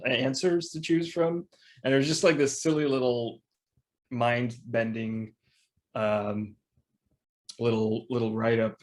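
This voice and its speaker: A man with a middle-pitched voice co-hosts a podcast in relaxed, casual chat. He talks loosely and laughs easily as he goes. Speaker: podcast co-host.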